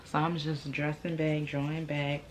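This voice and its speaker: A woman's voice: low-pitched, little pitch movement, moderate pace, a little hiss or hum. A young American woman telling a personal story casually, in an informal, candid and emphatic way, repeating and drawing out words. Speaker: vlogger.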